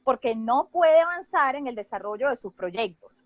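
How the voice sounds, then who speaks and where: A woman speaks in a noticeably high voice with a Venezuelan Caribbean Spanish accent, recorded dry and close. Her delivery is didactic and semi-formal, like an expert explaining a subject, with short tag questions to check that listeners follow. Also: animated, moderate pace, no room sound.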